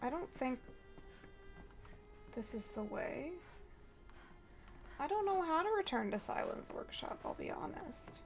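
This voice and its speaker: A high-pitched female voice in casual live stream commentary. She plays a video game and reacts out loud, excitable and quick to swear. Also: creaky, faint music behind.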